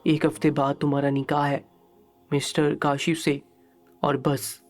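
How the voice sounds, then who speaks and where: A man's voice: a little high, completely flat delivery, natural voice. Man doing a cold bossy father from a story, curt and stern, faint music behind. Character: stern wealthy father, harsh and dismissive.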